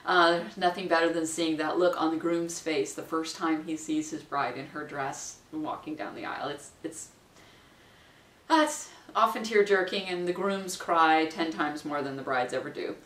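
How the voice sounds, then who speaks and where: A woman's voice: deep voice, normal speed. A woman in her forties, a wedding minister, giving practical training to camera in a chatty way, playfully acting out what people say. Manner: chatty, practical, acts out quotes with a bright lilt. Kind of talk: instructional talk to camera. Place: small room at home, indoors. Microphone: camera mic at a distance. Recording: roomy, distant camera sound.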